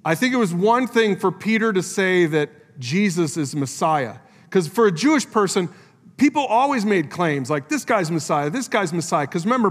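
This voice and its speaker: A man preaching a sermon as pastor, earnest, climbing high for emphasis and dropping low and soft. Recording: live church sermon with long hall reverb and faint music.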